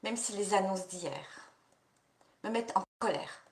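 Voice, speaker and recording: Woman, EFT practitioner, guided tapping session, repeated affirmations, echoey room. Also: medium pitch. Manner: repeats affirmations slowly, coaching listeners between phrases.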